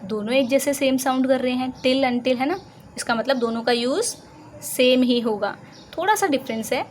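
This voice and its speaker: A woman with an Indian accent teaching English grammar, explaining in Hindi, reading English examples slowly and deliberately and answering her own questions. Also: high-pitched, a little hiss or hum, low-quality recording.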